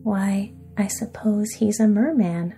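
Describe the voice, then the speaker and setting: A woman softly voicing a kind young mermaid princess in a whispered role-play sleep story. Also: mid-range voice, steady tone, slow, faint music behind. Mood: gentle. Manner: soft and kindly.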